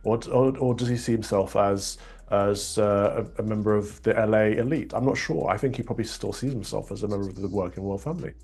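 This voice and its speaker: A man's voice: on the low side, a little mellow, husky. An English man, a panel guest, giving casual commentary with many stammers and repeated words. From England.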